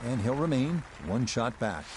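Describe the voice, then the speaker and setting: A man giving measured golf commentary in a broadcast play-by-play manner. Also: medium pitch, expressive. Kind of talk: golf commentary, play-by-play over a video game. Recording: crowd and ambient noise behind.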